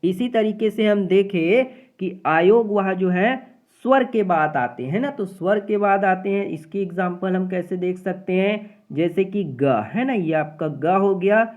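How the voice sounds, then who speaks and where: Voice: mid-range voice, a little slow. A teacher explaining grammar step by step in an exam-prep lesson, often checking in with short tag questions. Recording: phone-like narrow audio.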